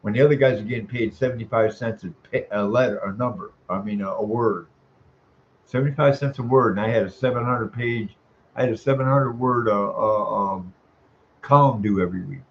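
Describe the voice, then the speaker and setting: Brisk and fairly low-pitched, an older man phones in a tenant complaint. He's aggrieved and insistent, venting casually and going in circles. The sound is muffled and lo-fi with background noise.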